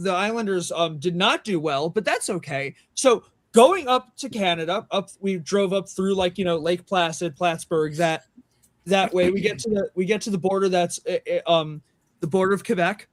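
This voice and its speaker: In a small room where several people gather around mics, a man, a band member and show regular, tells friends a long, rambling story full of fillers and restarts, acting out the quoted dialogue. His voice is high-pitched, with no echo.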